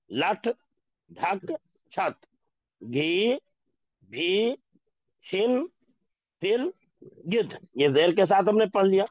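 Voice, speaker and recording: A man teaching an Urdu lesson, sounding out each word slowly and asking questions to check that his students follow. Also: on the high side, no room sound, muffled recording. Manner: slow, repeats each word and asks questions. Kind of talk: classroom lesson.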